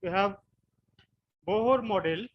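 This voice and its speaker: Halting Indian-accented male physics lecturer. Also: sits high, muffled recording, slight background noise. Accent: Indian English. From West Bengal, India. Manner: slow, halting explanation with frequent repetitions. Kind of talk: online class lecture.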